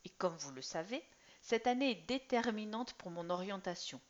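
A woman reading a story aloud, voicing an earnest, eager teenage boy with high, insistent and sometimes whiny outbursts. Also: expressive, normal speed, natural voice. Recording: slightly dull lo-fi recording.

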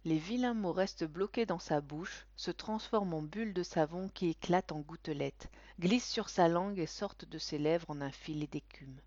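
A woman narrating a storybook with an expressive, animated reading. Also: lowish voice, moderate pace, few pauses, dry recording. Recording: dull, dry recording.

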